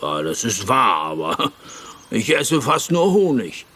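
A man voicing a big, good-natured male bear who talks slowly and rambles. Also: mid-range voice, sing-song, bright, forceful tone, slightly rough, exaggerated voice. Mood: kindly.

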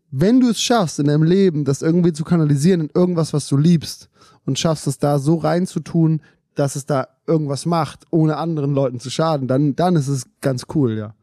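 A man in a casual podcast chat who tells stories in an animated way and rushes through phrases. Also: on the high side, no room sound, clean studio sound. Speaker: podcast co-host.

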